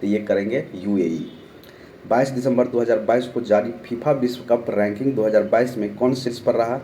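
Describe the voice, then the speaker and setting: A young Bihari man with a sore throat speaks at medium pitch and a moderate pace in a dark, mellow tone. Teaching current affairs online for exam preparation, he reads each question, answers it, and reiterates the names to learn, while faint noise plays behind him.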